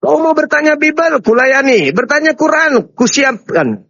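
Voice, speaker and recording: A man's voice: extremely high pitch, animated, unhurried, vocal fry, a bit bright, dry recording. A man speaking as an Islamic apologist in a heated debate, taunting and lecturing his opponents in a combative way. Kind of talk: heated live debate speech. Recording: muffled, lo-fi, dry.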